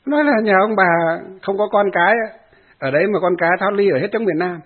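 A male Buddhist monk tells a story in a sermon, lively and talking straight to his listeners. His voice sits fairly high with a husky grain. The audio is thin and phone-like. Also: a little fast. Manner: animated storyteller who laughs along and addresses the audience.

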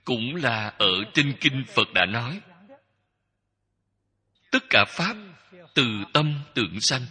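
A man giving a Buddhist dharma talk as a teacher, speaking in slow, measured short phrases that repeat. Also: mid-range voice, animated, bright, forceful tone, husky. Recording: long hall reverb.

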